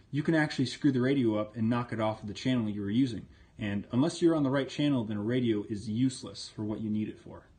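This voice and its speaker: In a slightly mellow, medium-pitched voice, a man gives a plainspoken, informal demonstration of vintage military radio equipment, going through it step by step with his hands on the gear.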